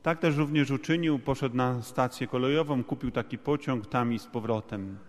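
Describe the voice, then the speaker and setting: A man's voice: medium pitch, normal speed. A man interpreting a sermon in a church, restating each point at length with fillers. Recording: long hall reverb.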